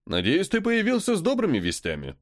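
A man's voice: high voice, wildly swooping pitch, fairly quick, no room sound, clean studio sound, voice pushed up. A man voicing a stern lord of a great house who scolds his servant angrily. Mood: furious. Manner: angry, shouting, reproachful. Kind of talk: audiobook character voice.

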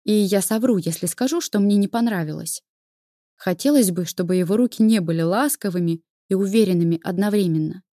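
A woman's voice: medium pitch, brisk, warm tone, no room sound, clean studio sound. A woman reading a novel aloud as its first-person narrator, telling the story expressively. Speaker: audiobook narrator.

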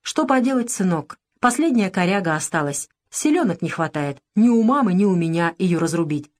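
A woman's voice: on the low side, lively intonation, normal speed, a little mellow, close to an everyday voice. A woman voicing a frail, shortsighted old father with asthma, fussing and fretful. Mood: rueful.

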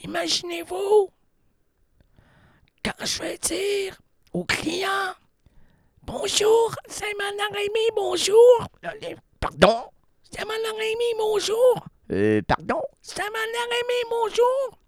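A man voicing a flustered woman receptionist who has lost her voice, talking in a shrill, frantic way. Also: big pitch swings, slow pace, no echo, exaggerated voice.

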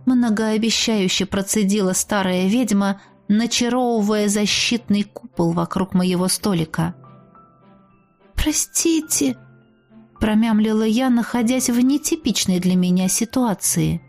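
A woman reading a first-person audiobook aloud, lively and expressive, with playful irony. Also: medium pitch, moderate pace, hardly any pauses, faint music behind. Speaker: audiobook reader.

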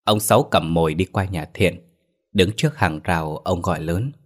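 A male storyteller, reading a narrated village tale in a steady, measured way. His voice sits very low and even. It sounds like an audio story narration.

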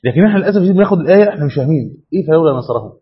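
Egyptian sheikh teaching, fast talker, husky voice, kinda muffled lo-fi recording. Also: male voice, fairly high pitch, lively intonation. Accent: Egyptian Arabic. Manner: quizzes students, repeats and prods them to focus. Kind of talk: classroom lesson with questions to students. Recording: dull lo-fi classroom recording.

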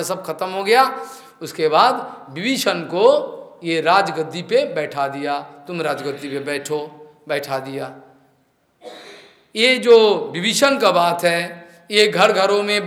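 Male preacher, high sharp voice, acts out the story bits, roomy echo all around. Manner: storytelling, acting out quoted dialogue. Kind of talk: devotional scripture discourse. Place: temple hall. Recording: echoey hall reverb.

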